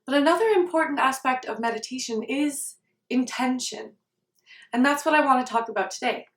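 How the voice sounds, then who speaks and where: A woman guiding a meditation in a slow, soft, calm way. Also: high voice. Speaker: meditation guide. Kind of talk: guided meditation. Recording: roomy sound, somewhat far from the mic.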